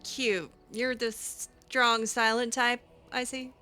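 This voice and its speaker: A woman improvises in character while streaming a fantasy game, casual in manner, hesitant and sassy. She speaks slowly with a flat delivery, her voice on the high side with a sharp tone, accompanied by soft background music.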